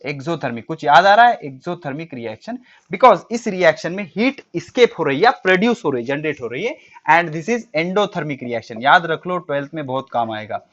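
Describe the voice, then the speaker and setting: A man's voice: on the high side, very animated, moderate pace, a bit bright. A male teacher giving a classroom chemistry lecture, asking questions and answering them himself, mixing English terms into his speech. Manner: quizzing students and answering his own questions. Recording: dull lo-fi recording.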